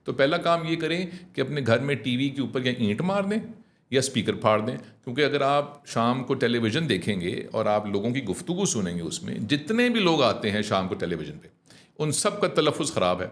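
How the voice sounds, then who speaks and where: A middle-aged man, a communication trainer, coaching a host in clear speech in an animated, conversational way, often slowing down to demonstrate. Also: mid-range voice. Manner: animated, mixing English phrases, demonstrating slow clear diction.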